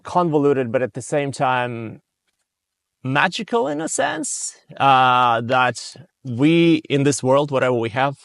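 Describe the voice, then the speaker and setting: Russian guy, 30s, thinks out loud with lots of ums, mid pitch, dry close sound. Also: sing-song, slow, vocal fry, dry recording. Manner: reflective, hesitant with frequent fillers. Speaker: podcast guest. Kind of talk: casual conversational storytelling.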